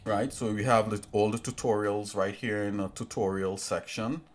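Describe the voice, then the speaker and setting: A man's voice: fairly low pitch, fairly even intonation, moderate pace. A man hosting a casual livestream tutorial, rambling and chatting straight to his viewers from a home setup. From Trinidad and Tobago. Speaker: livestream host.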